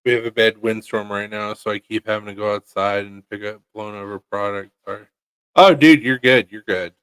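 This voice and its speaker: A man's voice: fairly low pitch, monotone, a little fast, a bit bright, clear, resonant tone, no echo, rough recording. An American man hosting a casual chat show, joking around in a crude, offhand way. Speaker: podcast host.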